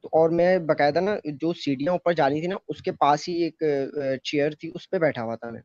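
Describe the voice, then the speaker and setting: Guy rambling through his own story, lots of umms, slightly high voice, muffled dry mic. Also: normal speed, darkish tone, no room sound. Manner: loose rambling retelling with many fillers. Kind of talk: casual first-person storytelling.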